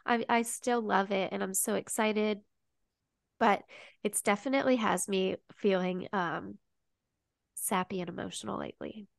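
A woman's voice: medium pitch, vocal fry, no room sound, clean studio sound. A young woman co-hosting a casual podcast chat, chatty and tearful, with a sniffly voice and lots of fillers. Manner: chatty, emotional, says "like" often. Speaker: podcast co-host.

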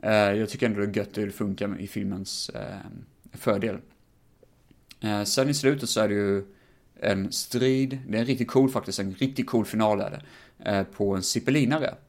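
A man with a somewhat low voice hosts a podcast episode on his own. He talks through a film in a loose, rambling style, full of fillers and casual swearing. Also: fairly even intonation. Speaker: podcast host. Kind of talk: casual film review monologue.

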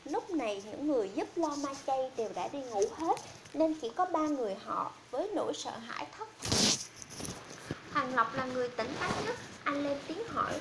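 High-voiced woman narrating a horror story. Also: sing-song, moderate pace, very noisy. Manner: reads every character herself, little change of voice.

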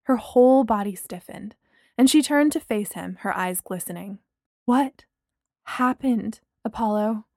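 A young woman reading a first-person story aloud in a measured, expressive way. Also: mid-range voice, gravelly, dry recording, clean studio sound. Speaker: audiobook narrator.

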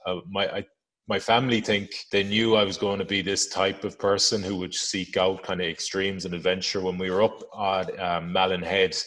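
A man with a west of Ireland accent telling personal stories in a reflective, halting, informal interview manner. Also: low voice, level tone, fairly bright tone. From Galway, west of Ireland. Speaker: adventurer guest. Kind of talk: conversational interview storytelling.

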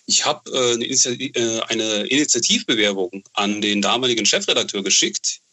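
Speaking a little fast in a low-ish, pushed and bright voice, a man in his thirties appears as an interview guest. He's a horror novelist who talks casually and keeps tacking a questioning filler onto his phrases.

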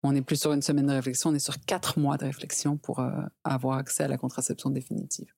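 Talking fast in a bass, husky, creaky voice with a warm tone and flat delivery, a woman in her forties appears as an interview guest. A reproductive health specialist, she explains things emphatically and mimics quotes to illustrate. The recording is dry and studio quality.

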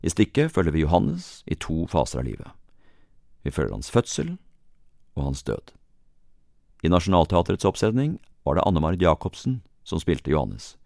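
A male podcast host narrating a scripted episode with a deep, gravelly voice. His pitch rises and falls a great deal as he tells the story with a lively, wry touch, recorded dry in a studio. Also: no room sound.

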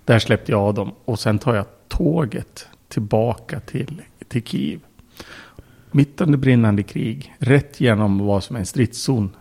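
A man's voice: medium pitch, darkish tone. A man, a podcast guest, telling a story in casual speech, bluntly, with swearing and acted-out quotes. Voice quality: gravelly, husky.

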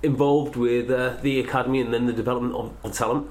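A man's voice: mid-range voice, steady tone, fast, darkish tone. A man hosting a podcast interview in a jokey, chatty way. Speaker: podcast host. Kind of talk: casual interview chat. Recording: roomy echo.

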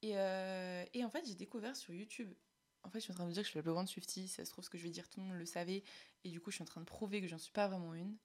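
A woman's voice: fairly low pitch, fairly even intonation, fast, a little mellow. A young woman hosting her own podcast in casual chat, slangy and full of fillers, sometimes dropping to a near-whisper. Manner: chatty, slangy, many fillers, drops to a near-whisper at times. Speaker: podcast host.

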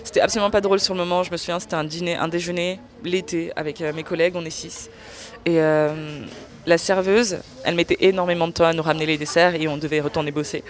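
A young woman in an interview, speaking candidly and earnestly about her own experience, often pausing to search for words. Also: lowish voice, fairly even intonation. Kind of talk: candid personal testimony.

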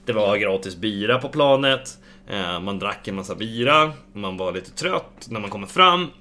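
Animated young man, bright voice. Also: on the low side. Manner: animated, acts out quoted exchanges, swears casually. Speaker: podcast guest telling a travel story. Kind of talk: casual storytelling chat.

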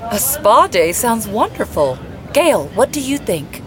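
A woman's voice: fairly high pitch, very animated, unhurried, over music, a crowd in the background. A woman playing a gushing romantic wife. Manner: gushing, enthusiastic. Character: excitable romantic young wife.

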